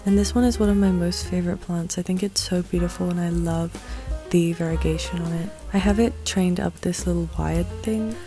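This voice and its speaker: A woman's voice: fairly low pitch, fairly even intonation, a little fast, mellow, soft background music. A young woman chatting casually and self-deprecatingly about her collection, recorded on a dedicated microphone in a large, echoey bedroom. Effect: big room echo. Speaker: vlogger. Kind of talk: casual chat. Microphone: dedicated microphone, not a phone.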